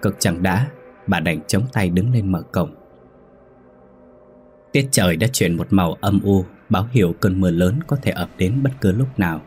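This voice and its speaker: A man narrates a scripted horror story. His voice sits very low, and he keeps a steady, brisk storytelling pace. Faint music plays underneath.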